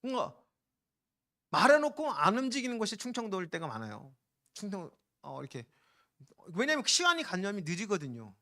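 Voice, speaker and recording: A male pastor delivers a sermon in a high, bright voice at a rapid clip. He preaches with urgent emphasis and sometimes slips into slow, lazy voices to act out the people he quotes. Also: sing-song.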